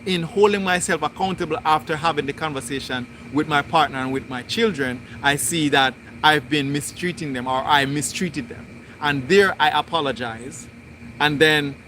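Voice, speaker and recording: A man hosting a spiritual livestream, talking through his thoughts in slow, deliberate, repetitive phrasing. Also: on the high side, bright, forceful tone, a little hiss or hum. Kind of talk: reflective spoken monologue.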